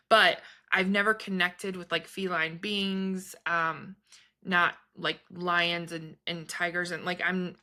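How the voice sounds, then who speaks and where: Female vlogger, crisp bright tone on the lower side, loose conversational delivery that wanders and restarts. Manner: hesitant, self-interrupting, informal. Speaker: vlogger talking about trance channeling spirit guides. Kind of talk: casual rambling video chat.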